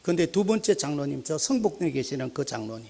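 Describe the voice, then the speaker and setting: An older retired pastor with a Gyeongsang accent, telling stories in a sermon with animated shifts between loud and quiet. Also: male voice, on the high side, quick pace, vocal fry. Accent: Gyeongsang Korean. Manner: animated, anecdotal, swinging between loud and soft. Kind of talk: storytelling sermon.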